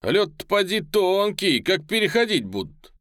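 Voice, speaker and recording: A man voicing an excitable officer who exclaims over the battle he watches. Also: medium pitch, normal speed, no room sound, studio quality, natural voice. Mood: eager. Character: excitable middle-aged officer watching through binoculars.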